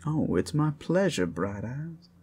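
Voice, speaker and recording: Playing a flirtatious, friendly werewolf for an ASMR roleplay, a man teases a lone listener in a smooth-talking way. His voice sits on the high side, very animated yet slow and a little mellow, with slight background noise.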